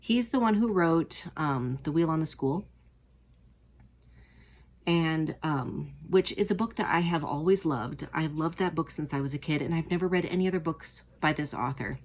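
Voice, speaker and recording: Woman host, low pitch, middle-aged, warm chatty delivery with lots of ums; casual knitting-show talk. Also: moderate pace. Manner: chatty, enthusiastic, many fillers. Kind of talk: casual chat to camera.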